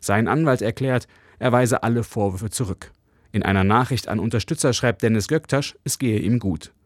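A male foreign correspondent reading a radio news report in a clear, measured way. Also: medium pitch, dry recording, clean studio sound.

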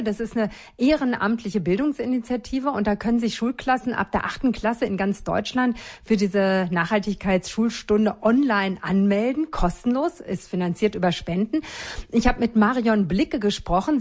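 A woman reporter on radio, explaining a story to the host in a lively, informative way. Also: medium pitch.

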